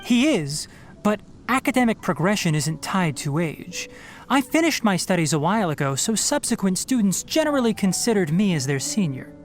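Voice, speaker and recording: A woman's voice: medium pitch, very animated, normal speed, lightly acted. A woman voicing a composed young male scholar in an anime-style video game, articulate, matter-of-fact and a little dry. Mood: explaining. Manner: explanatory, articulate, slightly dry. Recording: soft music behind.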